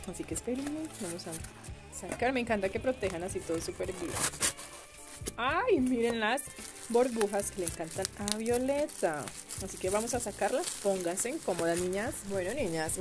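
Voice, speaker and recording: A young Colombian woman with a Colombian accent, chatting warmly with viewers as a beauty vlogger, gushing and exclaiming over products she unboxes. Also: medium pitch. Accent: Colombian Spanish.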